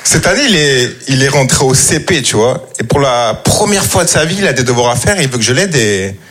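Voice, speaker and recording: A man's voice: mid-range voice, lively intonation, fairly quick, music in the background. A man doing a chatty stand-up routine on stage, talking straight to the audience. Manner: chatty, addresses audience with "tu vois". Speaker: stand-up comedian. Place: comedy stage before a live audience. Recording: live show with crowd noise. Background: audience laughter.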